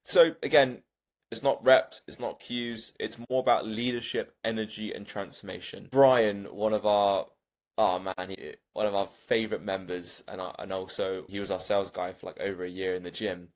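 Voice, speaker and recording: A young man, a gym owner, giving a casual coaching lesson in an animated way, with swearing and quick restarts. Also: lowish voice.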